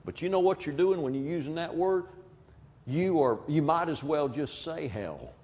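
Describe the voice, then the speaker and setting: A man preaching a sermon in an animated way, often acting out imagined back-and-forth conversations. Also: a little high, moderate pace, long reverb tail, dull audio. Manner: animated, acts out imagined dialogues.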